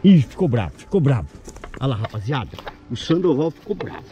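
A man with a Brazilian accent talks excitedly to his followers on camera, coaxing and calling out over and over. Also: mid-range voice, a little fast. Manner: coaxing, repetitive, calls out often. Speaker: vlogger.

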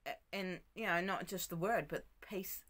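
Woman, devotional vlogger, bright unhurried voice, soft trailing delivery. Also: on the low side. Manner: gentle, often drops to a soft near-whisper; many fillers and restarts, reflective. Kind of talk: casual devotional talk.

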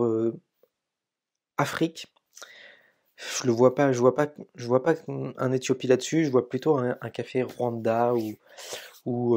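A man in his thirties talks casually through a coffee tasting, stopping often on fillers as he hunts for flavor words. His pitch sits in the middle of the male range. He is recorded on a camera mic at medium distance in a small indoor studio. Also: darkish tone. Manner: chatty, many fillers, describing flavors. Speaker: coffee YouTuber.

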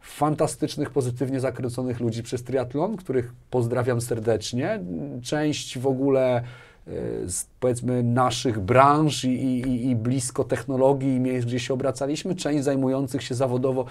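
This interview guest, a business manager, keeps a steady tone, medium pitch and normal speed. He's seated in a small furnished indoor studio on a lapel mic, speaking casually, often repeating words and tossing in short tag questions.

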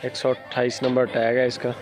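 A man's voice: medium pitch, monotone, brisk. A man in his thirties with a Pakistani Urdu accent, casually narrating on site at an outdoor cattle farm, recorded on a handheld phone camera. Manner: chatty, narrating while walking around livestock.

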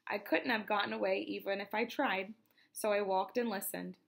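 A woman reading a novel aloud in a steady, unhurried storytelling manner. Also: medium pitch, creaky. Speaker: reader.

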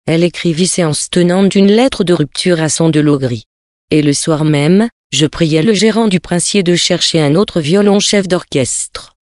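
Measured reader narrating a novel. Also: medium pitch, a little mellow, dry recording, studio quality. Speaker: reader of a story.

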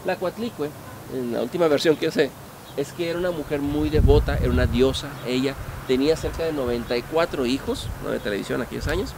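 A middle-aged man, a museum guide telling old legends in an animated, storytelling way, putting questions to the audience. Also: fairly high pitch, fast, vocal fry. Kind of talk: storytelling tour explanation. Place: outdoor park museum among statues. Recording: outdoor background noise.

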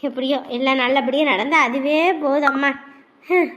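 A woman's voice: high voice, steady tone, normal speed, a bit bright, slight background noise. An actress playing an outspoken older woman of the family who teases bluntly. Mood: teasing. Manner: blunt, teasing.

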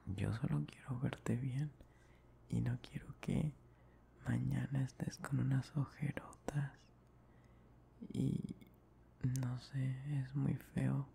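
Man playing a whispering, creaky, affectionate young boyfriend, whispered role-play. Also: medium pitch, dark tone, a little hiss or hum. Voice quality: breathy whisper. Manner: slow, tender, repetitive murmuring. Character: affectionate young boyfriend soothing his partner to sleep. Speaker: ASMR performer.

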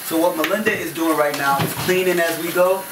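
A man in his thirties hosts a loose home cooking show from a small kitchen, cracking jokes and swearing freely as he cooks and banters. His voice is a little high, steady and somewhat fast. A camera mic across the room picks him up, so the audio is echoey, distant and noisy.

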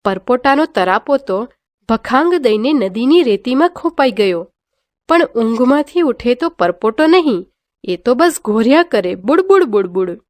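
A woman reading a children's story aloud in a lively, sing-song way, sounding out playful sound words. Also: a little high, unhurried, no room sound. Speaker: teacher reading a textbook story.

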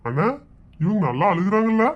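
A cheeky drunk village man, voiced by a woman teases. His voice swoops up and down in a lively way as he jokes, loose and playful with drink. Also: medium pitch, a little fast, lo-fi sound, close to an everyday voice. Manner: cheeky, teasing drunk talk.

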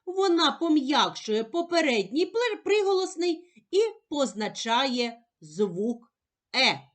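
A woman teacher with a Ukrainian accent, giving a slow, clearly enunciated phonics lesson to young children in a gentle, sing-song manner. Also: high-pitched, very animated.

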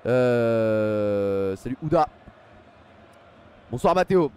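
A man's voice: mid-range voice, lively intonation, slow, warm tone, clear, resonant tone. A young man hosting a live football stream from home on a headset mic, chatting casually with many fillers and thanking viewers by name. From France. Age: young adult. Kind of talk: live pre-match football commentary and chat reading. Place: small home room at a desk. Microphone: headset microphone.

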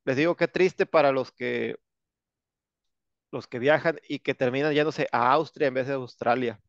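Here a Mexican-accented man teaches English online, joking around sarcastically and leaning on slang. His mid-range voice is gravelly and full of fry, delivered at a moderate pace with no echo, and the audio sounds flat and dry, much like a low-quality video call.

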